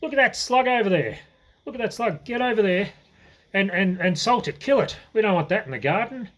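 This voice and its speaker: An Australian man voicing his excitable old prankster grandfather, who barks urgent orders. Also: on the high side, normal speed.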